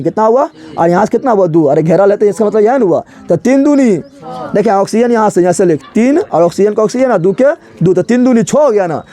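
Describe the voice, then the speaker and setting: A man's voice: high-pitched, warm tone. A male teacher teaching a chemistry lesson playfully, often asking a question and answering it himself.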